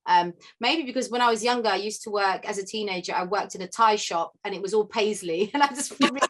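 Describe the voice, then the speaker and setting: A woman hosting a casual interview from her home sewing room over a video call, chatty and quick to laugh. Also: mid-range voice, fairly bright tone. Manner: chatty, laughs often, asks follow-up questions. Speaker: podcast host.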